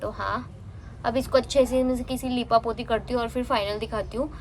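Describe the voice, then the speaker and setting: A young woman chatting fast in a casual home vlog, talking into a handheld phone. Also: fairly high pitch, steady tone, darkish tone. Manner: chatty, mixes in English words. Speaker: vlogger. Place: at home, indoors and on a terrace.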